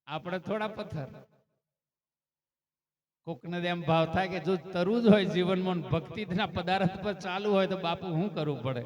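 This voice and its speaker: A man's voice: high voice, normal speed, darkish tone. A man preaching a devotional sermon, telling a religious story and calling out praise cries to his listeners. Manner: calls out chanted praise cries between story passages; asks the listeners rhetorical questions.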